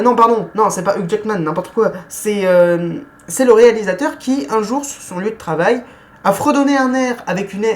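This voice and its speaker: A woman gives a casual film review in a medium-pitched voice. She's chatty but hesitant, often pausing with fillers and correcting herself.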